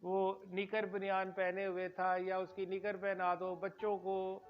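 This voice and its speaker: A high-pitched man lectures on English pronunciation, taking his time and repeating each word for emphasis. The recording sounds dull and lo-fi, with faint music underneath. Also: completely flat delivery, measured pace. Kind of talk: spoken lecture.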